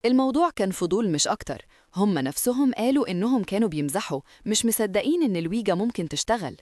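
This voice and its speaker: A woman's voice: mid-range voice, a little mellow, dry recording, clean studio sound. A woman with an Egyptian Arabic accent narrating a scripted horror story in a dramatic storytelling manner.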